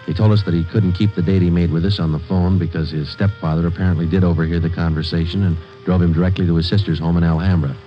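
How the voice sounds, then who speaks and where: A deadpan American police detective, played by a man from classic radio crime drama. He is low-voiced and clipped, rattling off facts quickly without fuss. The sound is a dull old broadcast with music behind. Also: close to an everyday voice. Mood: flat, factual. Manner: deadpan, terse, matter-of-fact. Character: businesslike, deadpan male police detective sergeant. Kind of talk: 1940s-50s radio drama narration, clipped and factual. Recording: dull vintage radio recording.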